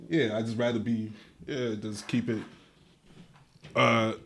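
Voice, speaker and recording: A young man from Guatemala, here as a guest rapper in a casual interview, speaks slowly in a mid-range, fairly bright voice with vocal fry and a flat delivery. A little hiss or hum sits under the recording, and his relaxed slang comes with frequent restarts and fillers.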